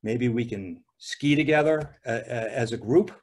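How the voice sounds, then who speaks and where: A man in his sixties, speaking on a panel over a video call from a dim room at home, halting, with many restarts and fillers. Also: medium pitch, darkish tone. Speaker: ski area owner on a panel. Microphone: video call webcam.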